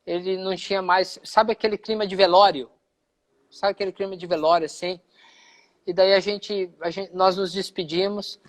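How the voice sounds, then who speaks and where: A high-pitched man with a Brazilian Portuguese accent, a pastor, shares a personal testimony in a live conversation, acting out the dialogue he quotes.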